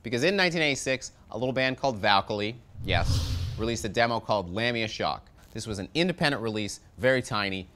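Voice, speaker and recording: Speaking quickly and expressively with a slightly bright voice, a metal review host in his thirties runs through a scripted, joking review. He's sarcastic and his pitch swings widely, all from a studio set filled with record shelves.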